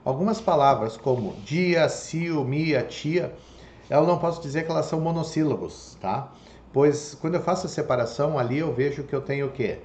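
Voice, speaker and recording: With a fairly high, expressive, darkish voice at normal speed, a man leads an online Portuguese lesson. He explains step by step, often checking in with "tá?" and "ok?" so students keep up. Echo fills the room, and there is faint background noise.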